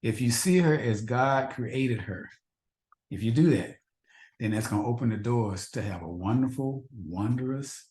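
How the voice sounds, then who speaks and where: A man's voice: mid-range voice, animated, unhurried, darkish tone. Earnest man teaching a marriage class. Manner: earnest, repetitive, rhetorical questions. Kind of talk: faith-based marriage teaching. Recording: echoey room.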